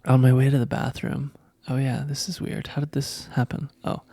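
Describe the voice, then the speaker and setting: A man co-hosting a casual spiritual chat, telling a story with laughter and sudden loud, high exclamations. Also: level tone, normal speed, dry recording.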